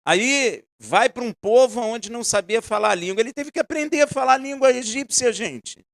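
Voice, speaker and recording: A man preaching a sermon, asking the congregation pointed questions and swinging between loud emphasis and quiet asides. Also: extremely high pitch, lively intonation, moderate pace, gravelly, no echo, studio quality.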